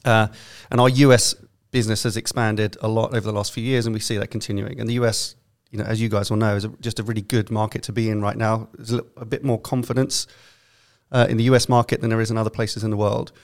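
London-accented male CEO guest, lower voice, rambling and filler-heavy. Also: level tone, quick pace. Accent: London English. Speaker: consultancy CEO, panel guest. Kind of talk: podcast panel discussion.

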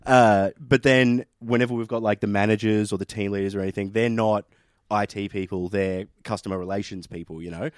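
A man's voice: fairly low pitch, fairly even intonation, a little fast, no echo, studio quality. An Australian man hosting a casual comedic podcast, telling sweary, blokey stories. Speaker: podcast host.

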